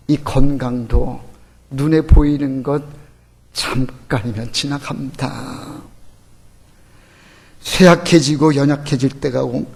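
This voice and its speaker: A male pastor preaching a Sunday sermon, emphatic, swinging between forceful rises and hushed, quiet lines. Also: fairly high pitch, creaky, breathy edge. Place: church sanctuary.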